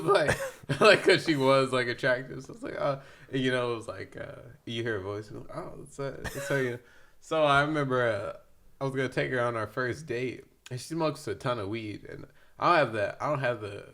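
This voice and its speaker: A man's voice: mid-range voice, a bit bright. A young man telling a rambling, laughing anecdote full of slang as a podcast guest. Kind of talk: casual storytelling.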